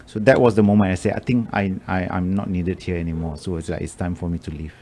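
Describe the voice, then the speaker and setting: Malaysian man, low, halting speech. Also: steady tone, dark tone. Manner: thoughtful, halting with many restarts. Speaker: guest, media executive. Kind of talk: radio interview. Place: radio studio. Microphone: studio microphone on boom.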